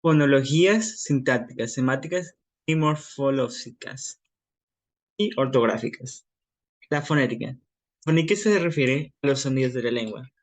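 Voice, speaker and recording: A man's voice: medium pitch, normal speed. A man with an Ecuadorian accent giving a class presentation, explaining informally with everyday examples. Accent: Ecuadorian Spanish.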